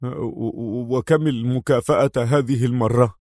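A jittery crooked police inspector, as a narrator puts him on, higher and tenser than the storyteller's own voice. He pleads and frets in a dry, close recording. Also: animated, normal speed, darkish tone, no echo, lightly acted. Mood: nervous. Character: nervous greedy male corrupt police inspector.

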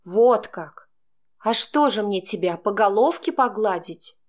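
A woman's voice: medium pitch, lively intonation, unhurried, close to an everyday voice. A woman voicing a cold, sarcastic middle-aged mother who speaks in a cutting, scornful way.

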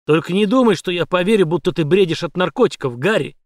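A man voicing a menacing, bullying armed police chief who barks loud threats. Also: sits high, lively intonation, brisk, dry recording, clean studio sound, pitched above the performer's own voice. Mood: barking.

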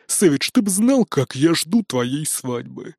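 Male reader as hulking gruff colonel, dark low voice, mocking growl, dry. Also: sing-song, unhurried, dry recording, heavily acted.

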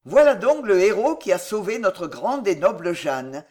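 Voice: mid-range voice, sing-song, moderate pace, darkish tone. A reader voicing an effusive Protestant nobleman. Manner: exclamatory, effusive. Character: warm, effusive Protestant nobleman greeting a hero. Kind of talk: audiobook character reading.

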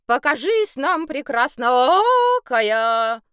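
A woman voicing a tipsy, pompous male elf bard in an audiobook, talking in a high, flowery, theatrical way. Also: lively intonation, normal speed, fairly bright tone, clean tone, no echo, studio quality, lightly acted. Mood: serenading.

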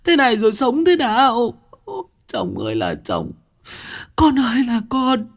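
A man doing a shrill, wailing mother. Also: big pitch swings, unhurried, full character voice. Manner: high wailing, pleading, near tears. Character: frantic middle-aged mother, shrill and desperate.

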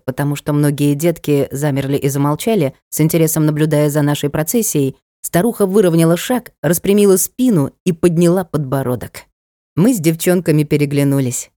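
Female audiobook narrator with a warm, lowish tone, dry booth sound, lively character reads. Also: no room sound. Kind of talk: reading a novel aloud.

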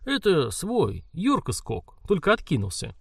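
A sneering steel-toothed thief, as a male reader puts him on, mocking in prison slang with a lively, rising pitch. The recording is dry and close. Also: a little slow, gravelly, slightly rough, dry recording, far from the mic, heavily acted.

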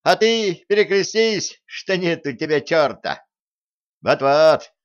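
A man voicing bold, stubborn armed peasant men who shout back loudly and cheekily. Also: mid-range voice, expressive, slow. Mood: defiant, cheeky. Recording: slightly dull recording.

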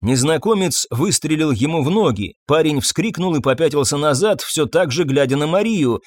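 Man reading a story aloud, steady and measured, dead dry sound. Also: on the high side, dry recording. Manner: measured storytelling, voices figures himself. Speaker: audiobook narrator. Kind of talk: scripted narration.

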